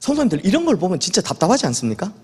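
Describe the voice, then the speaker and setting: A male pastor delivers a sermon in a church sanctuary, his pitch riding high and swinging widely as he tells the story. He slips into the voices of the people he quotes. A long hall reverb trails behind every word. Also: huge pitch swings, rapid-fire, a little mellow, breathy edge. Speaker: senior pastor.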